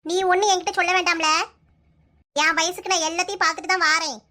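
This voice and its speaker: A bossy, sharp-tongued cartoon mother-in-law, voiced by a woman, with a Kanyakumari accent. Her voice sits extremely high and bright, and the scolding comes out in a fast, relentless stream. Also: steady tone. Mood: threatening. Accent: Kanyakumari Tamil. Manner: scolding, rapid-fire nagging. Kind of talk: comic cartoon voice acting.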